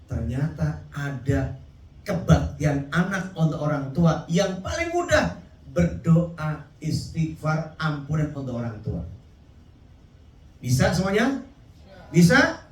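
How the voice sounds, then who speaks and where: A man preaching a sermon to a live crowd, emphatic, with his voice rising high when he calls out to the audience. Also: very animated, takes it slowly, long pauses, roomy sound, recorded from a distance, low-quality recording. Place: event hall.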